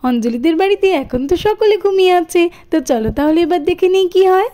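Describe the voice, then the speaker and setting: A woman's voice: very high voice, animated, quick pace, dark tone. A woman narrating a children's doll cartoon, greeting the young viewers sweetly. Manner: sweet, friendly address to children.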